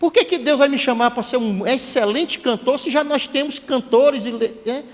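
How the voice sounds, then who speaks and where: A man, a church elder preaching a sermon in a lively, conversational way with joking asides. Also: extremely high pitch, normal speed. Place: church hall. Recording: long hall reverb.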